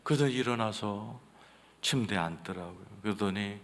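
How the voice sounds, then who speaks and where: A man preaching a sermon as senior pastor, telling a story with sudden swings between loud outbursts and hushed asides. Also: lowish voice, moderate pace, creaky. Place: large church sanctuary. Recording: reverberant church hall.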